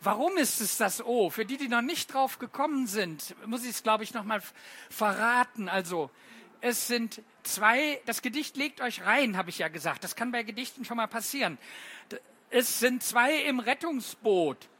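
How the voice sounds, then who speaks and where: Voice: mid-range voice, lively intonation, normal speed, bright, forceful tone, breathy edge. An author giving a live poetry reading for children, playful and chatty, quizzing the audience with many questions. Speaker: author reading own poems.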